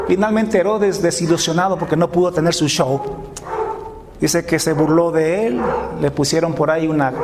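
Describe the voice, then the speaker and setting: Male pastor, high voice, animated storytelling sermon, faint noise behind. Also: creaky. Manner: animated storytelling, acting out voices of biblical figures.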